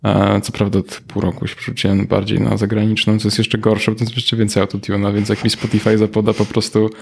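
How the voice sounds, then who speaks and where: A man's voice: on the low side, completely flat delivery, a little fast, gravelly, husky. A man appearing as a guest on a podcast, chatting casually about music he listens to. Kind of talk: casual chat.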